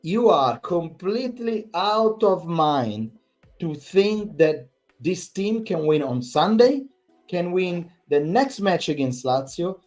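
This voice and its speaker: A man's voice: a little high, darkish tone. A man, hosting a fan channel, giving an exasperated, repetitive post-match rant full of swearing.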